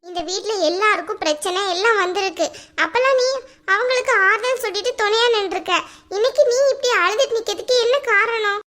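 A woman voicing an older mother-in-law in an animated family drama, speaking firmly and soothingly. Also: very high voice, fairly quick. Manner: firm, soothing.

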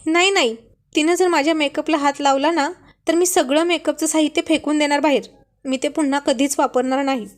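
A woman's voice: sits high, steady tone, normal speed, lightly acted. A woman voicing a fussy, stubborn young wife who is scared of a lizard, talking in squealing, petulant complaints. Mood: shrieking, disgusted.

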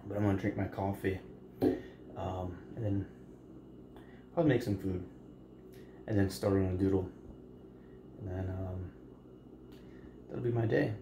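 A man in his late twenties with a deep, steady voice rambles unhurriedly through a vlog voice-over while drawing, pausing often and full of fillers and restarts. The art vlogger is in a small apartment kitchen, picked up by a handheld camera at arm's length, and the sound is roomy with background noise.

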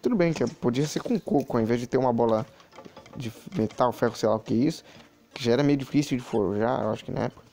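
A man's voice: medium pitch, fast talker, warm tone, faint music behind. A man giving chatty, casual commentary while playing a mobile game, talking to his viewers with many asides. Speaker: mobile game channel host.

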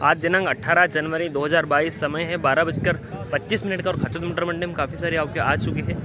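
A man's voice: on the high side, fairly even intonation, brisk. A young man, hosting a farm market price report in a repetitive, filler-laced delivery, recorded outdoors on a phone. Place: outdoors in an open produce market yard. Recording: outdoor market noise, vehicles.

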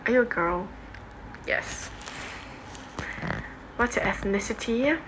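A young adult woman with a Singaporean accent and a fairly high voice talks slowly as she hosts a casual livestream, reading and answering comments in an informal, offhand way. She's indoors in her bedroom at home, recorded on a phone held at arm's length, with a noisy room sound.

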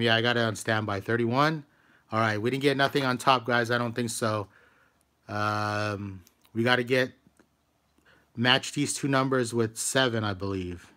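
A man's voice: medium pitch, a bit bright. A man hosting a live stream, scratching lottery tickets, greeting viewers by name and urging each ticket on. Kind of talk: casual live-stream commentary.

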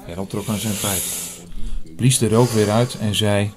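This is first-person narration from a scripted audio drama, where the lead actor voices an earnest priest investigating an apocalyptic prophecy. His lowish, steady, lightly acted voice tells the tale in a measured, formal, explanatory way, with music under it and crowd noise around.

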